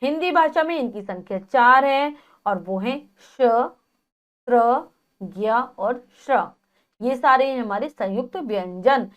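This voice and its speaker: A woman teaching a grammar lesson in a clear, fairly high voice. She explains each point step by step. Then she goes over it again, asking the class rhetorical questions. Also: animated, normal speed.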